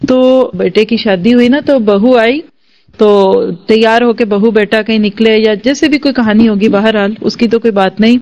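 A woman's voice: on the high side, steady tone, a little mellow. A woman teaching a religious lesson to a class, earnest and persuasive, making her points through everyday family examples. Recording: slightly dull lo-fi recording.

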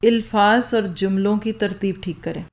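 A woman's voice: medium pitch, moderate pace, darkish tone. A woman giving a lecture on speaking skills into a microphone in a hall with an audience. She poses rhetorical questions and answers them herself. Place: lecture hall with rows of listeners. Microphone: handheld or stand microphone.

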